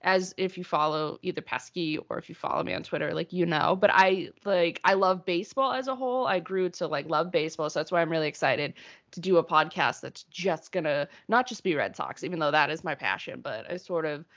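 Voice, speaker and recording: Woman from Massachusetts, fairly low voice, chatty podcast co-host, dull lo-fi sound. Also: fairly quick, fairly bright tone. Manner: chatty, lots of fillers, laughs often. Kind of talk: casual podcast chat.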